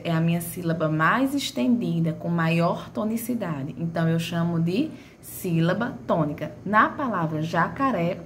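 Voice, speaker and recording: A woman's voice: on the low side, a little hiss or hum. A woman teaching a grammar lesson, stretching out and calling out example words as she explains.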